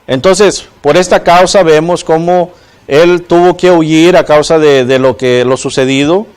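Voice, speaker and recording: A man's voice: a little high, a little slow, smooth. A man preaching a sermon, often putting questions to the congregation and adding "¿verdad?". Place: church.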